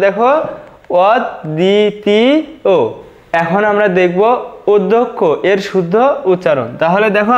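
Male teacher, high-pitched voice, patient, repeats each syllable slowly, exam-prep lesson.

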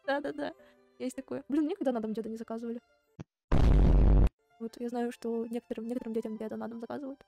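A young woman streaming a game, reading it aloud and commenting in a casual, joking, expressive way. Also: on the high side, quick pace, vocal fry, pauses often, over loud music. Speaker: vtuber streamer. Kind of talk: casual let's play commentary, reading a visual novel aloud. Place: dry close-miked room, game music behind.

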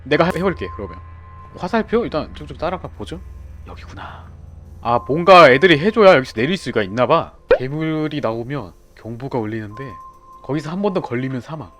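Excitable young man streaming a horror game. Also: mid-range voice, a little fast, soft background music. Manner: excitable, yelps and shouts when startled. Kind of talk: live gameplay commentary.

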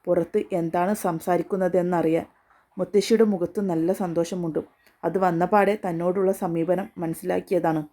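A woman storyteller reading a serialized romance story aloud in an even, steady manner. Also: lowish voice, moderate pace.

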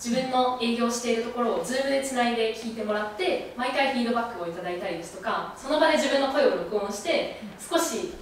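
A woman's voice: on the high side, quick pace, few pauses, a little hiss or hum. A young woman answering interview questions in very polite, formal speech. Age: young adult. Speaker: job applicant in mock interview. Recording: echoey room, distant mic.

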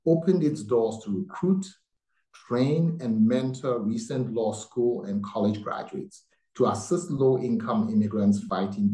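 A man's voice: mid-range voice, warm tone. An older man moderating a webinar over a video call, formally reading introductions and questions. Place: indoor room on a video call. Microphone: video call webcam. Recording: roomy video call audio.

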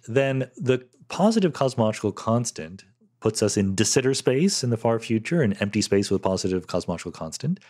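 A middle-aged man with a lowish, darkish voice hosts a solo podcast, answering listener questions candidly. He thinks aloud as he goes, using fillers like "um" and "you know."

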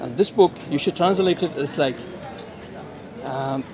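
A man from Iraq, his voice a touch high. He speaks haltingly and repeats words as he pleads his point outdoors. Crowd chatter carries behind him. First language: Arabic. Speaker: passer-by in a debate. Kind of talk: heated street debate. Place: outdoor park plaza.

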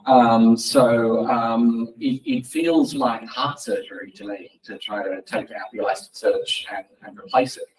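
At a tech meetup, a conference speaker stands at a lectern in an indoor meeting room, casually fielding questions with hesitant starts he keeps correcting. His medium-pitched voice is steady and unhurried, with barely any pauses. A distant mic picks him up across the room.

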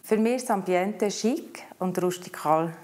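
Slow-talking Swiss German woman. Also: lowish voice, darkish tone. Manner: chatty, laughs often. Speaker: dinner guest. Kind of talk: casual chat. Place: rustic restaurant dining room. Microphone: lapel.

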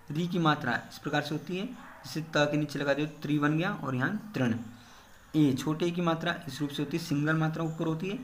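A man's voice: fairly high pitch, a little hiss or hum. A male teacher giving a grammar lesson, explaining step by step and repeating key terms in English. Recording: echoey room.

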